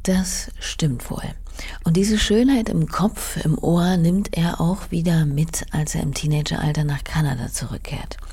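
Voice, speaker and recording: Husky, low-pitched woman hosting. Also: fairly even intonation, measured pace, dark tone. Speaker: host, narrator. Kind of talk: polished portrait narration and interview questions.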